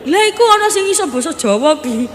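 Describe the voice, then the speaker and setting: A woman preacher, giving a lively sermon and teasing her audience with playful questions. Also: high voice, a little fast. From Surabaya, East Java. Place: religious gathering before a live audience. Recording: reverberant hall with crowd.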